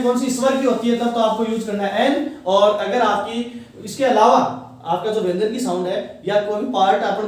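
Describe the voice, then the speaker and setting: A man teaching an exam-prep grammar lesson, who keeps asking questions and then answering them himself. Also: high-pitched. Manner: quizzes listeners and answers himself. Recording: echoey room, mic at a distance.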